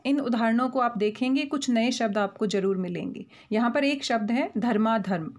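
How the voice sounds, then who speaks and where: A woman with a fairly high voice teaches grammar from her slides. She is patient and methodical, and she slows down to spell out every example word. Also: darkish tone. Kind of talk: explaining grammar over slides.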